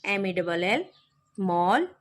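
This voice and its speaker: A woman teacher explaining a kindergarten English lesson, spelling out words letter by letter and then saying each one slowly. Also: medium pitch, sing-song.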